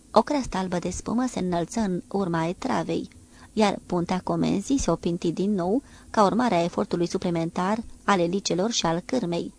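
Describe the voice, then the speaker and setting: A woman reading an audiobook in a steady, measured way. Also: on the low side, gravelly. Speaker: audiobook narrator. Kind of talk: audiobook narration of a naval novel.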